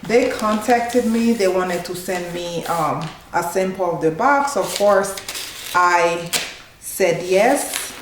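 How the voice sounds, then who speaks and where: In a small, echoey living room with noticeable background noise, a woman in her thirties unboxes items for her vlog, chatting informally and exclaiming happily. She is a cooking channel host of Haitian background, and her lowish voice moves slowly.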